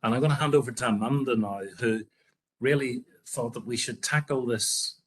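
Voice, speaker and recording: A man giving a webinar presentation on organisational culture, speaking in a measured, reflective way with occasional hesitations. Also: mid-range voice, a little hiss or hum. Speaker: healthcare leader presenting.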